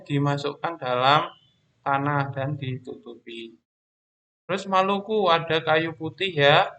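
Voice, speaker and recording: Slow, bright-voiced male teacher. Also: fairly high pitch. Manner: slow, patient explaining with frequent "ya" and "terus". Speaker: primary school teacher. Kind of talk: online class lesson.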